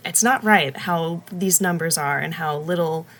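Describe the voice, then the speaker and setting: Low-voiced woman, earnest and indignant. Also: a little slow, a bit bright, slight background noise. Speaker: discussion participant. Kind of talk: casual discussion.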